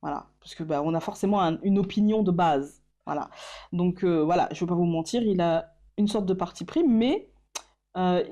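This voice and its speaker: A woman's voice: lowish voice, mellow. A woman vlogging casually about her favorite channels, hesitant, with many fillers and restarts, laughing at herself. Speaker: YouTuber. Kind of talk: casual vlog chat.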